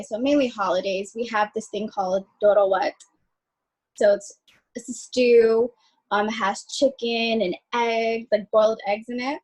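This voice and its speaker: A young Ethiopian woman with a medium-pitched voice chats as a guest on a video call. She is friendly and loose, using lots of fillers, and the recording quality is poor.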